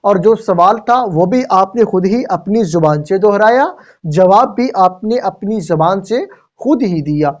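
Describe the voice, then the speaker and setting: A man's voice: sits high, expressive. A man earnestly addressing video viewers, explaining and repeating his points. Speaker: video presenter. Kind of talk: direct-to-viewer video outro commentary. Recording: dull lo-fi voice recording.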